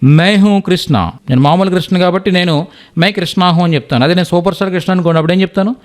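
A man teaching a Hindi lesson, explaining slowly and repeating each word for learners. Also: high-pitched, steady tone. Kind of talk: spoken language lesson.

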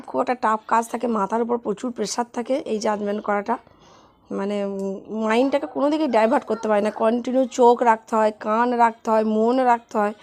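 A woman's voice: a little high, a little mellow, slight background noise. A woman chatting casually in a daily vlog, rambling and complaining, tired and short of breath with a cold. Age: adult, mother of a schoolchild. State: tired, sleepy. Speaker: vlogger.

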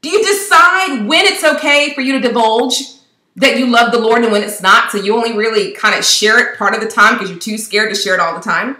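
A woman with a high, bright voice preaches with fervor, stacking up rhetorical questions as she speaks to camera. The sound is roomy and echoey, as if she is recording in a bare room. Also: brisk. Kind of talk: impassioned devotional talk to camera.

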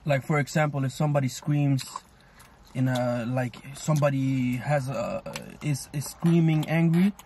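Here a male co-host of a food vlog talks over a meal, his thoughts wandering at length with plenty of filler words. He has a medium-pitched, slightly mellow voice with fairly even intonation and a measured pace, and there's a little hiss or hum in the audio.

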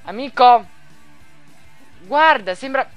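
A man giving casual gameplay commentary, rambling and joking, making rhymes and breaking into sudden excited yells. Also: extremely high pitch, slow, no echo, muffled recording, faint music behind. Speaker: gaming video host.

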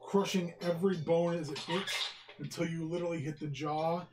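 A man's voice: on the high side, steady tone, brisk. A man running a tabletop roleplaying game as dungeon master, telling the action in vivid descriptive detail among friends. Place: small room around a crowded table.

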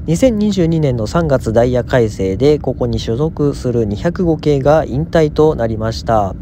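A man's voice: medium pitch, animated, normal speed, noisy background. A man giving polite, informative scripted narration for a train travel vlog.

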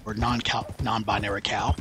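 A man's voice: on the low side, level tone, moderate pace, fairly bright tone, a little hiss or hum. A Texan man chatting loosely and joking while streaming a game, reading viewers' chat aloud. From Texas.

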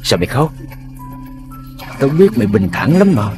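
A man's voice: mid-range voice, big pitch swings, moderate pace, close to an everyday voice. Guy playing a nasty crime boss, menacing, swings his voice up and down, film music underneath. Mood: taunting. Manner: menacing, taunting. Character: ruthless male gang boss interrogating captives. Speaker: gang boss.

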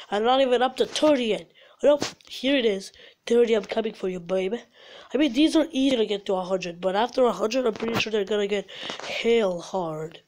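A woman who is sick, commentating her phone game and swearing at it as the game glitches, recorded on the phone's own mic. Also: medium pitch. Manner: frustrated, swearing, yelling at the game. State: sick, congested. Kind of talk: mobile gameplay commentary. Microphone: phone's built-in mic.

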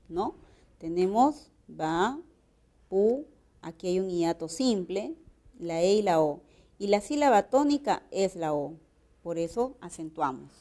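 Peruvian woman teacher, slow and deliberate, explains step by step with quick check-ins. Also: medium pitch, mellow. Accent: Peruvian Spanish. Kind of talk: grammar lesson.

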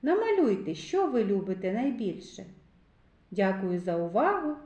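This preschool teacher has a mid-range, darkish voice and is very animated as she teaches phonics to young kids. She speaks slowly, drawing words out and spelling each sound separately, and the room echoes.

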